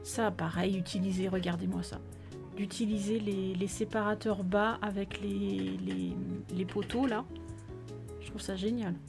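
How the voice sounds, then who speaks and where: Touring viewers' islands in her gaming video, a woman offers casual, effusive commentary over faint music, full of exclamations and occasional near-whispers. She speaks a little slowly at medium pitch, with fairly even intonation.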